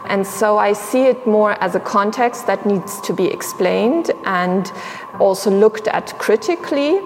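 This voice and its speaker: Reflective young woman curator in a hall. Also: medium pitch. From grew up in Sierra Leone and Tanzania. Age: young adult. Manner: reflective, measured, many fillers and pauses. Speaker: museum curator, guest. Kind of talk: thoughtful interview conversation. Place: exhibition space indoors. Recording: reverberant hall with faint noise.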